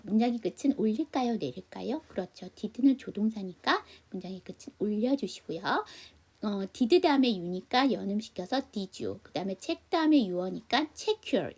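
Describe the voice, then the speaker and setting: A woman's voice: fairly high pitch, a little mellow, breathy edge. A woman teaching an English class online, explaining step by step and answering her own questions to the class.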